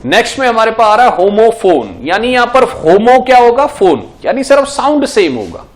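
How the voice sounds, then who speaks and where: At a board, a man with an Indian accent teaches an exam-prep lesson, posing questions to his class and answering them himself while switching between Hindi and English. His voice sits high with big pitch swings, and his pace is moderate.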